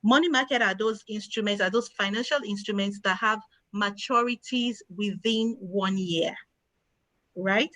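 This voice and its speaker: A woman's voice: mid-range voice, unhurried, fairly bright tone, no room sound, rough recording. A woman, answering audience questions as an investment expert, patient and plain, stressing key words. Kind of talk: explanatory Q&A answers.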